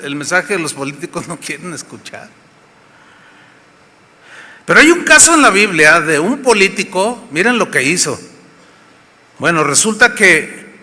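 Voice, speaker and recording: Man, Mexican accent, pastor, sermon, rhetorical questions, very bright tone. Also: high voice. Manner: dramatic storytelling, rhetorical questions. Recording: echoey hall.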